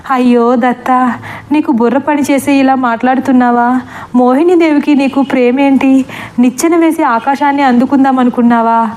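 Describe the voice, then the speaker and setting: A woman's voice: sits high, fairly even intonation, normal speed, darkish tone, lightly acted. A woman voicing an anxious middle-aged mother in a storybook reading, pleading and alarmed.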